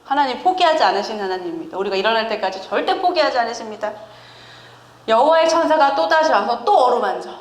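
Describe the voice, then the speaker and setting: A woman in her thirties giving a chatty sermon, lively and often laughing as she teases the congregation. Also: a little high, quick pace. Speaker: preacher. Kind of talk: conversational sermon. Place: church sanctuary. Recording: echoey church hall with faint ambience.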